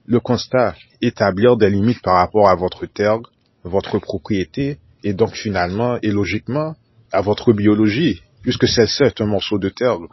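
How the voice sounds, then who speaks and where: Speaking at a moderate pace, a conspiracy talk narrator with a low, husky male voice delivers a formal monologue alone, frequently repeating entire sentences and spelling out words letter by letter. The audio is dull, lo-fi and dry, with no echo.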